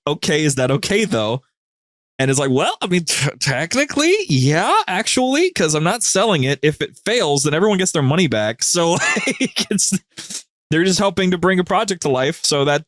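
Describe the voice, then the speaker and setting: This podcast guest's voice is on the high side, recorded dry at studio quality. He tells stories casually, rambling along in loose, slangy anecdotal talk.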